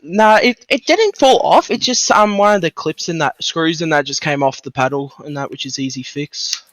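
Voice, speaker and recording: Male driver, higher pitch, casual, dry sound. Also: expressive, normal speed, a bit bright, dry recording, rough recording. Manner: casual, rambling, tags "and that". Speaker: race driver. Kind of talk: casual post-race interview.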